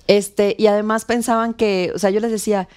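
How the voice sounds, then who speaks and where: A woman's voice: mid-range voice, a little fast, smooth. A woman in her thirties, born in Cuba and speaking with a Mexico City accent, telling stories as an actress guest in a casual interview, acting out quotes. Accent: Mexico City Spanish. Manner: lively storyteller acting out quotes.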